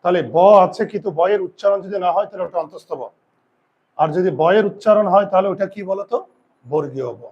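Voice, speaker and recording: High-voiced man teaching a grammar lesson. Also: dull audio. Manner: asks students questions and answers them himself; slow deliberate dictation of rules. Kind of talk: classroom lesson.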